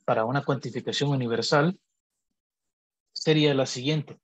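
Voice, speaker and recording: A man with a husky, mid-range voice calmly teaches math, explaining logic notation on a digital whiteboard. He's measured and deliberate, thinking aloud with pauses and correcting himself as he goes.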